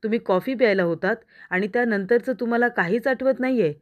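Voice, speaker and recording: A woman reading the lines of a sharp-tongued young wife who scolds her husband with pointed questions, in a story recap. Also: fairly high pitch, narrow, tinny audio, voice pushed up, close to an everyday voice. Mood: reproachful. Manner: reproachful, rapid-fire questions.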